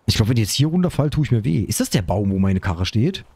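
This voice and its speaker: A man commenting on his own survival game play, excitable, talking to himself and his viewers. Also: fairly low pitch, fast talker, slightly rough. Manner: excitable, talks to himself and viewers, frequent exclamations. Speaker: gaming YouTuber.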